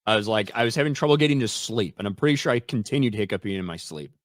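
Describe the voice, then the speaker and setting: A man's voice: on the low side, expressive, racing, dry recording, studio quality. Blunt, profane man chatting animatedly. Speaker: podcast co-host reading chat. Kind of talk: casual chat.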